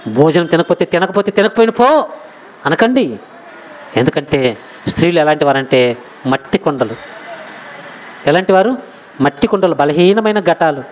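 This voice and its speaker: A man's voice: a little high, lively intonation, normal speed, pauses often. A man preaching a sermon, emphatic and repetitive, addressing his listeners directly. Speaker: preacher, Bible college principal.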